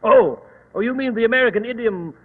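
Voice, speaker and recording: An actor playing a fussy, excitable older English gentleman doctor with a British accent, blustery in 1940s radio style. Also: very high voice, brisk. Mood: storytelling. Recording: tinny, echoey, hissy old radio recording.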